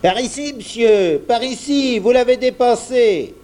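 A man voicing a sulky young shop boy who pleads and complains in a high, whining voice. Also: lively intonation, extremely slow, a little mellow, slight background noise, full character voice. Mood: urging. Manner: whiny, complaining, rising pitch.

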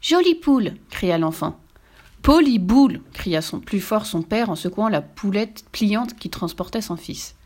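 A woman narrating a children's story aloud with expressive, playful delivery. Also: mid-range voice, measured pace, few pauses.

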